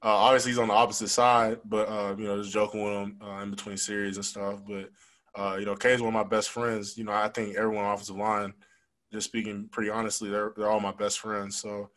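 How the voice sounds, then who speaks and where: In a rough recording, a young college football player speaks into a stand-mounted desk mic at a post-game press conference, a logo backdrop behind him. His voice is on the low side, monotone and fairly bright. He answers reporters quickly and frankly, chatting casually and filling his speech with fillers.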